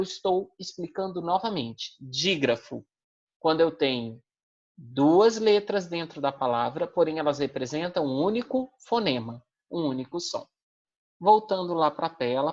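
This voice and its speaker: A woman with a Brazilian accent gives an online lesson in a low voice. She explains patiently and keeps checking in with short tag questions. The sound is dull and lo-fi. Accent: Brazilian Portuguese. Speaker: Portuguese language teacher. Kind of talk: online class lecture.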